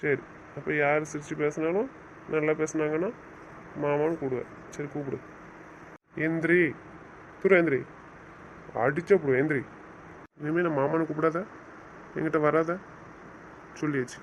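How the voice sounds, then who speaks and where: In an audio drama, a man plays a stern but loving young husband who scolds and lectures, then coaxes. His voice is a little high and natural, fairly even in intonation at normal speed with long pauses, on a dull lo-fi track with faint noise.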